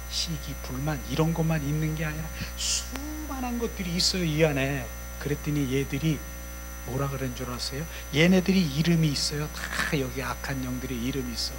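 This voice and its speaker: A male pastor preaching a sermon with passion, rising to loud commanding declarations. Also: a little high, background noise.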